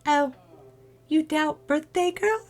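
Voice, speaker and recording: A man's voice: very high voice, slow pace, faint music behind, voice pushed up, exaggerated voice. A man voicing a brash, hasty young girl hedgehog detective in a Valley Girl voice, reading game dialogue aloud. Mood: cocky.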